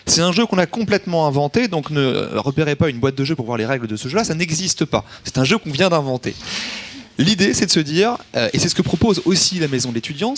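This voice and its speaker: A man hosting a live studio talk show, explaining things in a lively way. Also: fairly high pitch. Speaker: host. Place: small studio set.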